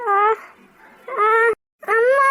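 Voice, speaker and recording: A woman voicing a young injured girl in a cartoon, halting and weepy with confusion. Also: sharp tone, a little hiss or hum. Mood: dazed, tearful. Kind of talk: cartoon voice acting.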